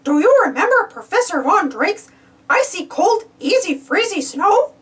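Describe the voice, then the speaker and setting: Woman doing a very high, cheerful cartoon mouse, Mickey Mouse. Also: sing-song, unhurried, far from the mic, exaggerated voice. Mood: cheerful, eager. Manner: exclamatory, upbeat, addresses children directly. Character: cheerful eager cartoon mouse leader, male, small. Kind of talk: children's storybook character voice.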